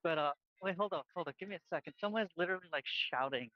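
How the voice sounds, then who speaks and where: A man with a noticeably high voice chats casually as a podcast co-host. He rambles, piles up fillers and restarts his sentences. The sound is dry, dull and lo-fi. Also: quick pace, dry recording. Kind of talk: casual chat. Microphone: headphones on, outdoors by a busy street.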